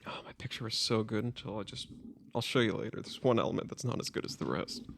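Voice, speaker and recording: A man's voice: on the low side, expressive, quick pace, creaky, whispered. A young man co-hosting a podcast, chatting casually and rambling with fillers and laughter. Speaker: podcast co-host. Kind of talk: casual chat.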